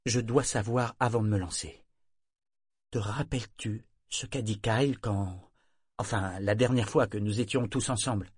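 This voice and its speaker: A man reading the part of a headstrong young woman sailor who talks low and rough, with urgent insistence. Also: normal speed, darkish tone, no room sound, clean studio sound.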